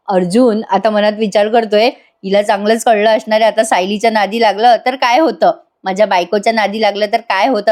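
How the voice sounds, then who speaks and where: A woman's voice: fairly high pitch, darkish tone. A woman with a Marathi accent recapping a TV serial episode in a chatty voice-over, often laughing and talking to her viewers. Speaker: serial reviewer.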